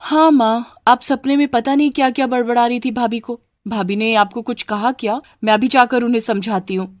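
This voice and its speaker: Woman plays a tattletale cartoon sister-in-law, eager and higher, dry. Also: fairly even intonation, a little fast, no echo, close to an everyday voice. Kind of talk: cartoon story voice acting.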